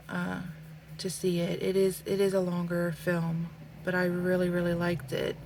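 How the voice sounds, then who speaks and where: A young adult woman vlogs while drawing, chatting casually in a slow, thoughtful way full of fillers. Her voice is fairly low, and she sounds sniffly with a stuffy nose. There's a slight hiss or hum in the recording.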